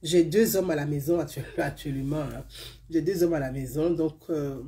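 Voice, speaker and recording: A live-stream political commentator from Côte d'Ivoire, speaking with an Ivorian French accent, delivers a casual, emphatic monologue full of repetition. Her low-sitting voice moves at normal speed, and her sentences frequently trail off softly.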